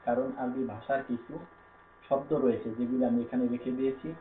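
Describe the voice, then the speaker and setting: A man with a Bangladeshi Bengali accent gives a slow, patient reading lesson, sounding out letters one by one and humming between them. His voice comes through thin and phone-like. It echoes around a bare room over a faint hum. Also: medium pitch, flat delivery. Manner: patient, repeats each letter with filler hums. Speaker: Quran reading teacher. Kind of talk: slow classroom-style lesson, spelling out letters.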